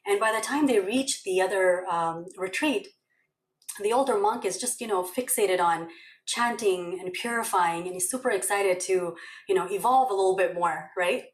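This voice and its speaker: A woman's voice: mid-range voice, moderate pace. Woman, meditation teacher, casual storytelling tone, echoey room. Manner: chatty, many fillers and "okay? right?" check-ins. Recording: roomy echo.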